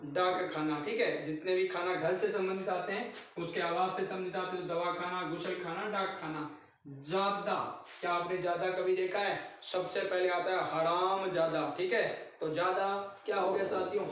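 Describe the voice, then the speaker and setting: A man's voice: sits high, fairly bright tone, far from the mic. A man teaching a grammar lesson, repeating word lists and checking in with "theek hai" after each one. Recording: very echoey room, recorded from afar.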